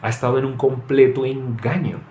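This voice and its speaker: A man's voice: medium pitch, steady tone, normal speed, dark tone. A man teaching the Bible as a preacher, firing rhetorical questions and mimicking people's prayers. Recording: echoey room with faint ambient noise.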